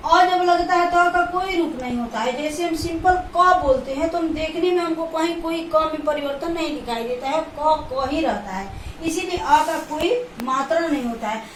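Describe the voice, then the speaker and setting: High-voiced woman teaching in an echoey room. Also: distant mic, a little hiss or hum. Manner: slow, repetitive explaining, counting aloud. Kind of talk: classroom lesson.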